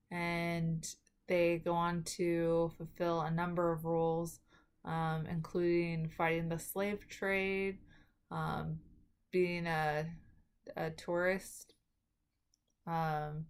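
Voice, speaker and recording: Monotone woman talking with braces. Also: fairly low pitch, smooth. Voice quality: speech affected by new dental braces. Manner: halting, with self-corrections and trailing restarts. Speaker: student presenter. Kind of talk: spoken film summary for a class video.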